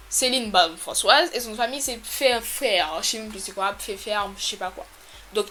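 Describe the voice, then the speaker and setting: A woman telling a storytime to her camera in a casual, animated, exasperated way, with sudden loud jumps in pitch. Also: a little hiss or hum. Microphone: camera mic.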